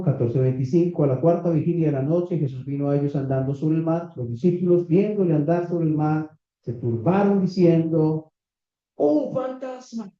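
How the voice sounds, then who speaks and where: A man preaching a sermon to a congregation, reading scripture slowly and asking the listeners questions. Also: fairly high pitch. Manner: slow, deliberate preaching with rhetorical questions to the congregation. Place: small church meeting room. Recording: echoey, slightly dull church recording.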